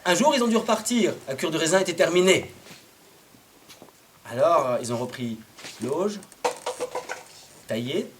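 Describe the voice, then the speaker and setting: A man telling a Christmas tale to a live audience in a playful, animated way, sometimes singing and getting listeners to join in. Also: on the high side, unhurried, pauses often, slight background noise. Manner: lively, playful, sings and gets the audience to join in. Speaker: storyteller. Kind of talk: oral storytelling to a live audience.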